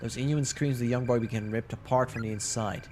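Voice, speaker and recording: A man's voice: medium pitch, fairly even intonation, fast talker, darkish tone, slight background noise. A man streaming a horror game, reading its text aloud in a dramatic first-person voice with wry asides.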